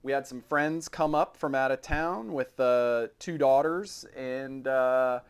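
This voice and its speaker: Speaking slowly in a clean, medium-pitched voice, a middle-aged man with an American accent hosts a podcast. The talk is a casual chat about firearms, laced with wry humor.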